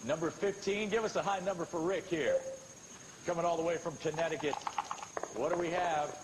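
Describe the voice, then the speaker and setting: American male game show host, higher voice, televised studio delivery, heavy tape noise. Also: fairly even intonation, a little fast. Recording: noisy old TV broadcast tape.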